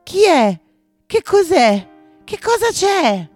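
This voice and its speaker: A woman voicing a sleepy, fretful female skunk in a children's storybook, with a high, fussy manner. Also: sing-song, unhurried, soft background music. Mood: startled.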